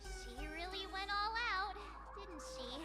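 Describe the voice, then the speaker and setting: A brash, spirited young adventurer. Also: female voice, extremely high pitch, measured pace. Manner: brash, animated, teasing. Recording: reverberant game audio with music.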